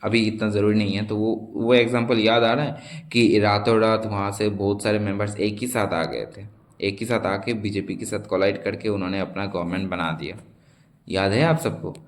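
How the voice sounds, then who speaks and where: A young man teaching a political science exam-prep lesson, stretching out each quiz question as he reads it and then explaining quickly, often checking that his students follow. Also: on the low side, fairly even intonation. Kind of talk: exam-prep lesson in mixed Hindi and English.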